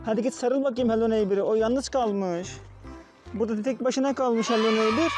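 A man's voice: extremely high pitch, darkish tone. A father playing with his young son in a family vlog, talking in a coaxing, repetitive, playful way.

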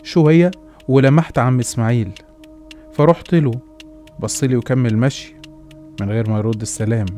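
An Egyptian-accented man narrates a scripted horror story in the first person, dramatic and absorbed. His voice is mellow and dark, sitting at an ordinary pitch for a man. Faint music plays beneath the telling. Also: fairly quick, long pauses.

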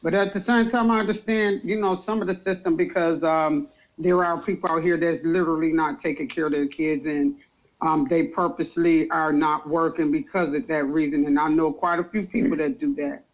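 A man's voice: fairly high pitch, steady tone, a little fast. A man hosting a talk show, chatting casually with his guest and laughing along. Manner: easygoing, laughs along, fillers. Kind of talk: casual interview chat. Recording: dull lo-fi audio.

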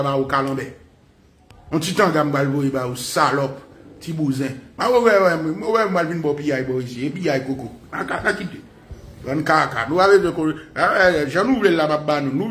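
A man's voice: on the high side, sharp tone, echoey room. A man with a Haitian accent, a radio commentator delivering a crude, mocking rant. He laughs through his words and mixes Creole and French.

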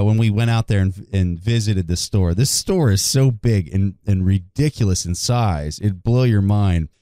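A man's voice: on the low side, warm tone, clean tone, dry recording, studio quality. A man co-hosting a podcast, telling stories in an enthusiastic, emphatic way during a casual discussion. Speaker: podcast co-host.

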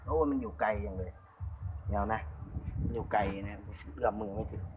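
A man's voice: fairly low pitch, brisk, dull audio, background noise. Chatty Isan-accented male repair teacher. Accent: Isan Thai. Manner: chatty, repetitive pointing-out. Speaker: electronics repair instructor. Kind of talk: hands-on repair tutorial.

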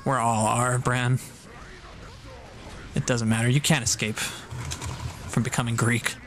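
A man doing live play-by-play commentary on a fighting game tournament, jokey and excitable, munching on food as he talks. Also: medium pitch, slow, a little hiss or hum. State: eating while talking. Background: music playing behind.

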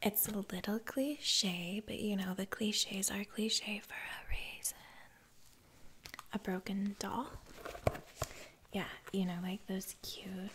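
A young adult woman in a whispered role-play, playing a flattering, sassy Valley Girl makeup artist, close to the microphone. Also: mid-range voice, a little hiss or hum. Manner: slow, breathy, chatty whispering with affirming murmurs. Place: small furnished room, indoors.

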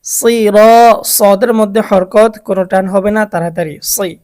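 A Quran reading teacher speaks with a Bangladeshi Bengali accent at an unhurried, patient pace. The voice sits in a middle pitch and walks through each rule step by step. Key points are repeated, and the teacher asks the learners questions along the way. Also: fairly even intonation, a little mellow. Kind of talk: recorded step-by-step lesson.

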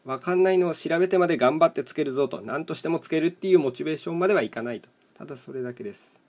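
A man with a voice a little higher than most men's talks casually, like a host chatting over a solo game. He thinks aloud in short fragments and keeps a plain, matter-of-fact way of speaking. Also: very fast, darkish tone. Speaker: host of a solo mahjong chat video and live streamer. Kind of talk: casual rambling commentary while playing tiles.

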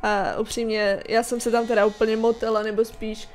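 A woman's voice: fairly high pitch, little pitch movement. A young woman hosting casual let's-play commentary, chattily explaining the game to her viewers. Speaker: gaming channel host.

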